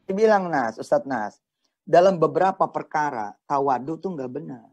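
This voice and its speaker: A man's voice: fairly high pitch, expressive, normal speed, darkish tone. A man, a preacher giving a casual, joking religious talk in slangy speech.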